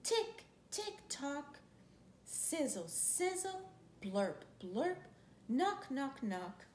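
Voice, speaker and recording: Reading a children's picture book on her living room couch, a woman in her thirties uses a high, darkish voice that is very animated and very slow. She stretches out words and imitates noises playfully. Recorded by a camera a few feet away, the audio is roomy and echoey with faint noise.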